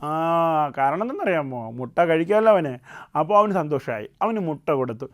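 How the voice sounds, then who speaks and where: Gentle male storyteller for children. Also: on the high side, very animated, normal speed. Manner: gentle, keeps asking the children questions as he tells the tale. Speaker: puppet show host and storyteller.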